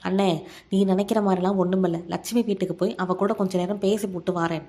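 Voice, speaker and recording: A woman's voice: medium pitch, fairly even intonation, a little fast, mellow, natural voice. Defiant young village sister, read by a woman. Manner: pleading then defiant.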